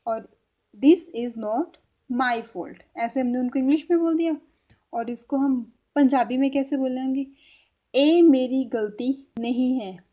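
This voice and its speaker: A woman teaching a spoken language lesson, repeating each example sentence slowly and patiently explaining it step by step. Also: high-pitched, warm tone.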